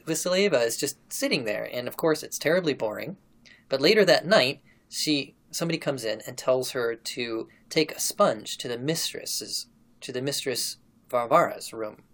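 A man's voice: mid-range voice, lively intonation, moderate pace, fairly bright tone. Chatty man telling a history story. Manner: chatty, laughs often. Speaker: podcast host. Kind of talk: casual storytelling, reading from a memoir.

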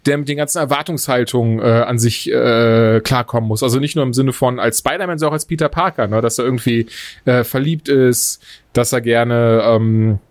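A man hosting a podcast, chatting casually about films in an animated, digressive way full of quick asides. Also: mid-range voice, no room sound, clean studio sound. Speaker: podcast host reviewing films. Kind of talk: casual chat.

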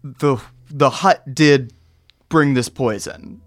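Brief: male player, slow and hesitant, casual. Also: medium pitch. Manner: hesitant, with fillers and restarts. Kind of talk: casual out-of-game aside.

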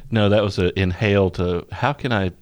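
A man's voice: fairly low pitch, fairly quick. A man who is an expert brewer, talking in casual chat, blunt and opinionated with dry jokes. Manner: opinionated, blunt, dryly joking.

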